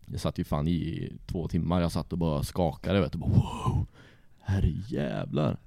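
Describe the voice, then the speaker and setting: A man's voice: deep voice, lively intonation, creaky, warm tone, no echo. A young man casually telling a rowdy anecdote, swearing freely and laughing as he goes. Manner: profane, laughs through his story. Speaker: storyteller.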